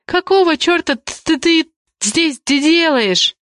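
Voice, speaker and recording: A woman's voice: a little high, expressive, unhurried. A woman voicing an angry young woman who stutters in her outbursts, in an audiobook reading. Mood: furious.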